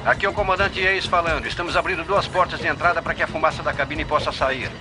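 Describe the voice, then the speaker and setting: A man voicing an airline captain giving calm, clipped callouts over the cockpit radio in a dubbed documentary reenactment. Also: fairly high pitch, quick pace, natural voice. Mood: tense. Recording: background music.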